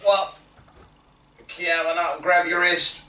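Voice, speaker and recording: A man's voice: high voice, flat delivery, slow pace, bright, forceful tone. Man coaching a workout, distant roomy sound. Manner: short exercise cues mixed with playful teasing. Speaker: fitness coach leading a home workout. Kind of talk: instructional coaching with his children. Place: home room with his daughters. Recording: roomy, distant home video with noise.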